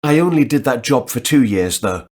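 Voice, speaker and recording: In a scripted listening dialogue, a man plays a job applicant who answers questions in a relaxed way while thinking aloud. His voice is natural and medium-pitched, with a moderate pace.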